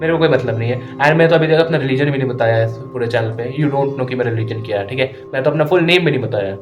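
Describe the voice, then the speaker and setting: A man's voice: medium pitch, fast, roomy sound, over music. A tired, sleepless man giving an earnest, casual motivational talk, mixing English into Hindi and often checking in with his listeners. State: tired and sleepless, tongue stumbling. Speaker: self-improvement vlogger.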